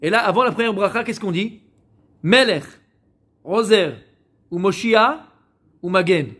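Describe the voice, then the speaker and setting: Man, high voice, rabbi giving a class, asks questions and answers them himself. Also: a little slow, fairly bright tone. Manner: repeats words while searching for them. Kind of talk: Torah lesson to women.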